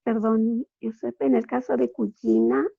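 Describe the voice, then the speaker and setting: A woman student with a very gravelly, husky voice asks short questions slowly. The sound is dry and dull, as if coming through a lo-fi call. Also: a little high, flat delivery, dry recording.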